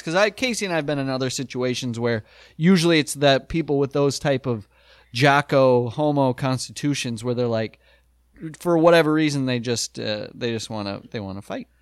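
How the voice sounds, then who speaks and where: A grown man telling a wild story in casual chat, animated and laughing, swearing freely. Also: medium pitch, no room sound, clean studio sound. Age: adult, older than college age.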